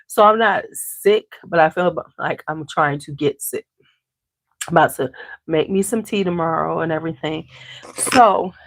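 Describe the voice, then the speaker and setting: This woman from the Chicago area hosts a beauty channel and sounds congested, her voice sitting on the low side in a dry recording. She chats casually with viewers at home, greeting them by name as she talks to her live audience.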